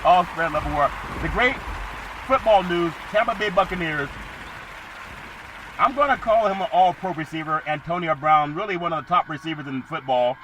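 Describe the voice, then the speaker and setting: A middle-aged man hosting a sports podcast, animated, repeating catchphrases and swinging between loud and quiet. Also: fairly high pitch, normal speed, a little hiss or hum, poor audio. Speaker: podcast host. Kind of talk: sports talk monologue.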